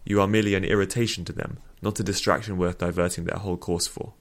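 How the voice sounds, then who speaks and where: A cold, scornful bounty hunter speaks curtly, as a man puts him on. His voice is deep and gravelly. It is a storybook reading. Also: fairly even intonation, fast. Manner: curt, scornful.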